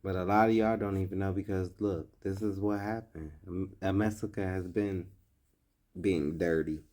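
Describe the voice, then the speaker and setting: A man's voice: low-pitched, steady tone, moderate pace, mellow. A man giving blunt, emphatic commentary in a vlog, reading old scripture passages and then explaining them in plain talk.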